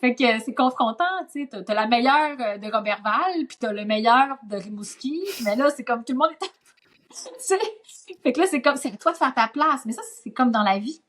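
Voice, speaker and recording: Chatty woman with a softened Gaspésie accent. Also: on the high side, moderate pace. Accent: Gaspésie French, softened toward standard Quebec French. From Gaspésie, Quebec. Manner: chatty, lively storytelling full of asides. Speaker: guest, actress. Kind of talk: casual podcast conversation.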